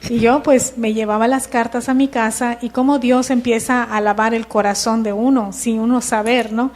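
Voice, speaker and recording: A middle-aged woman, telling her personal testimony in church in a lively storytelling way. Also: a little high, moderate pace. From Mexico. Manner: lively storytelling, acting out dialogue. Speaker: church member giving testimony.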